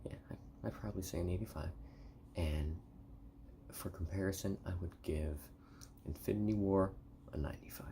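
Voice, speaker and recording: A man speaks in a hushed, very low voice with a gravelly edge, often slipping toward a whisper. He rambles through a soft-spoken ASMR review, halting and rewording as he goes. The tone stays dark and mellow. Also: a little hiss or hum. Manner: rambling, halting, repeats and rephrases himself. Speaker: video reviewer.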